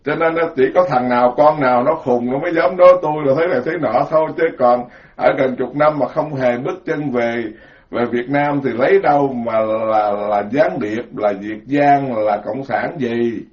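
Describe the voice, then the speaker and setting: Southern vietnamese monk preaching, jokey and rambling, repeats himself for emphasis, middle-pitched voice, kinda muffled recording. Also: male voice, moderate pace. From southern Vietnam, Mekong Delta. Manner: folksy, joking, repeats words in emphatic lists. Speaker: Buddhist monk giving a dharma talk. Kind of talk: informal sermon. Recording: dull lo-fi recording.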